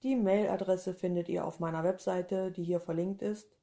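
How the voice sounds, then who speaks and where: Woman, storyteller, low voice, warm and mellow, calm even reading, first-person short story. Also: moderate pace.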